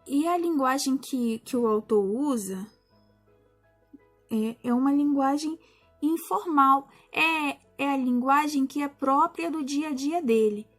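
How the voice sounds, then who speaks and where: A Brazilian woman teacher explaining a lesson to primary school pupils in a patient way, often pausing and restarting. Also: high-pitched, faint music behind. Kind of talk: recorded class explanation.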